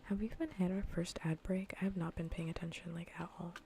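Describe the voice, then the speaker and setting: Playfully scolding as she games, this female livestreamer chats casually in ASMR fashion. Her lowish voice stays soft and breathy, frequently dropping to a whisper, with a steady tone and a fast pace.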